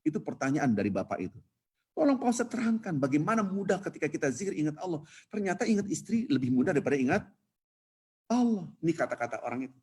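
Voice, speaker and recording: Husky guy preacher on a zoom call, lots of stories, gets lively. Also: fast talker. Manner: lively storytelling preacher, rises in pitch when explaining. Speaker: ustadz giving a dawn study lecture. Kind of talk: online Islamic lecture with Q&A. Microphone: video call.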